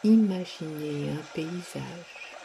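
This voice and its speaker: A woman leading a guided sophrology relaxation, speaking softly and drawing out her words with long pauses. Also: low voice, gravelly, slight background noise, poor audio. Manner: slow, soft, drawn-out delivery with long pauses.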